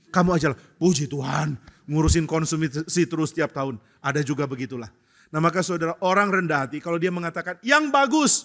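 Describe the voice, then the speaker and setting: A male pastor preaching a sermon in a church, lively and humorous, acting out short dialogues. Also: fairly high pitch.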